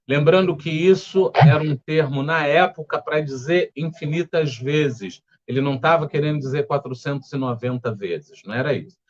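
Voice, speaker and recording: A man with a Brazilian Portuguese accent leading a spiritual study group, speaking in a calm, gentle, explanatory way. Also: on the high side, normal speed, hardly any pauses, lo-fi sound. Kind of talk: reflective spiritual study talk. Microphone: home setup with earphones.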